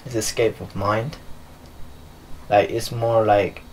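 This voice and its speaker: Young man, from Nepal, low voice, casual rambling answers, faint room hum. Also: level tone, slow, a little mellow, low-quality recording. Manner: loose, filler-heavy, many "like"s. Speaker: dancer and choreographer, guest. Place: living room with leather sofas.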